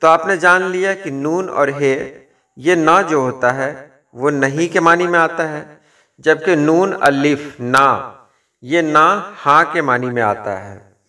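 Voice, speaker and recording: Slow, measured man teaching from a distance. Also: on the high side, bright, forceful tone. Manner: measured, explanatory, quotes verse and example phrases. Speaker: language teacher. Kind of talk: explanatory lesson. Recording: distant from the mic.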